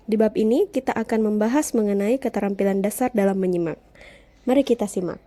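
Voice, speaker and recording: A woman lecturer giving a measured, explanatory scripted lesson narration. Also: medium pitch, mellow.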